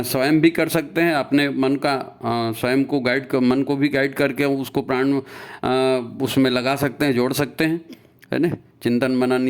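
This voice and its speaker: A man giving a spiritual talk on meditation, often repeating himself and asking rhetorical questions. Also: fairly high pitch. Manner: rhetorical questions and repetition, tagging "है ना?"; recites scripture and mantra lines. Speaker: spiritual speaker.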